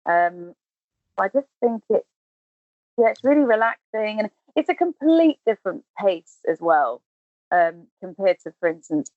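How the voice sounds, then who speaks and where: Heard through narrow, tinny audio without echo, a mid-range female voice belongs to a Welsh-speaking woman from Wales in her thirties. She's a podcast guest chatting casually and warmly about being an actress and singer, often saying um and starting over.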